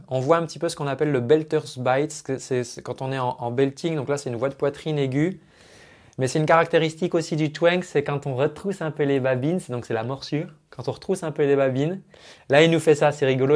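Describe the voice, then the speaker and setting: Here a vocal coach with a fairly high-pitched voice records himself at a computer mic. He chats through an explanatory analysis of how a singer uses their voice, dropping plenty of singing jargon.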